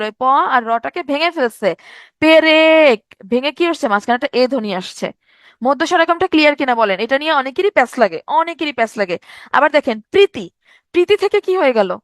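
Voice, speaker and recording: A woman, teaching a grammar lesson step by step, asking questions and drawing words out slowly. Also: high-pitched, a bit bright, no echo. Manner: explains step by step, asks rhetorical questions, drawls words out.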